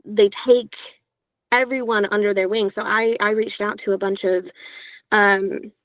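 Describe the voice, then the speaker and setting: An audiobook narrator from Georgia in the US chats casually in an interview, her voice higher-pitched and younger-sounding, sprinkled with filler sounds. She keeps a steady tone and an unhurried pace, with no room sound in the recording.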